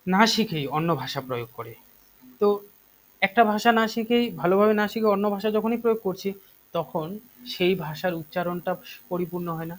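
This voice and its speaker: A man teaches an online lesson in a voice pitched a little high. He explains step by step, pausing on fillers and checking in with his students. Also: rough recording. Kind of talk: online class lecture.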